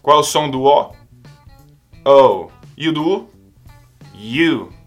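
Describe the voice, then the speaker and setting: A man's voice: medium pitch, expressive, takes it slowly, soft background music. A Brazilian man teaching English pronunciation, patiently repeating each sound for the listener to copy. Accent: Brazilian Portuguese. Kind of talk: language lesson.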